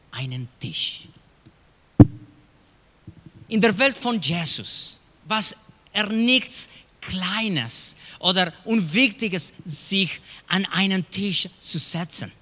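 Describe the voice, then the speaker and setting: A middle-aged Chilean pastor with a Chilean Spanish accent and a high-pitched voice preaches a sermon. He tells it slowly, like a story, with hushed dramatic drops, and the church hall adds long reverb.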